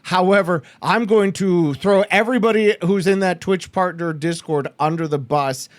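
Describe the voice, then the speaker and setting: A man's voice: high voice, normal speed, no echo. Canadian guy rambling casually on a podcast, um and uh a lot, dry mic. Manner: chatty, rambling with fillers and restarts; mocks others with put-on excited voices. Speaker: podcast host. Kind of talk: casual chat.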